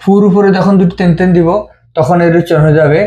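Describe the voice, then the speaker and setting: Guy teaching japanese letters, mellow voice, slow and patient, repeats every sound. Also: high voice, steady tone, muffled recording. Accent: Bengali. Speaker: language teacher. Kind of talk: step-by-step script lesson.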